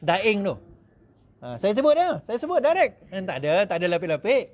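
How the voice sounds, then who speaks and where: A middle-aged man with a Malaysian accent, giving an animated speech to supporters, mimicking others in quick asides and laughing often. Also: high-pitched. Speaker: politician speaking to supporters.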